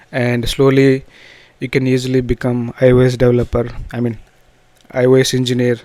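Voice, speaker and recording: Male tutorial instructor, Telugu accent, halting informal explanations, mid-pitched voice, dry recording. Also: a little mellow, no echo. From south India. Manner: halting, repetitive phrasing with broken restarts. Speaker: programming instructor.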